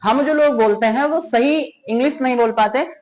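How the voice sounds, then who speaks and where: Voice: high-pitched, moderate pace, a little mellow, poor audio. A teacher giving an informal spoken pronunciation lesson. The teacher addresses listeners fondly as children, repeats each sound several times to demonstrate it, and adds teasing, scolding asides.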